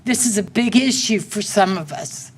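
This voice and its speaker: A woman's voice: medium pitch, animated, normal speed, a little hiss or hum. A woman in her sixties with a Central Texas accent, pleading plainly during public comment at a city council meeting, speaking into a podium microphone. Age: 60s.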